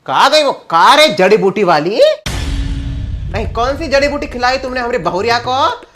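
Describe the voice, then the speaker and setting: A man playing a loud, scolding rustic mother-in-law in a comedy sketch. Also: very high-pitched, lively intonation, normal speed, soft background music, full character voice. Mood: angry. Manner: loud, scolding, with a village dialect.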